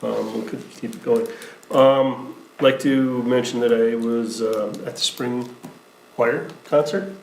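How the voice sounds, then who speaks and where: A man speaking at a school board meeting, halting with many fillers, sometimes moved. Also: mid-range voice, fairly even intonation, gravelly. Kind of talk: meeting remarks. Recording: echoey meeting room, faint noise.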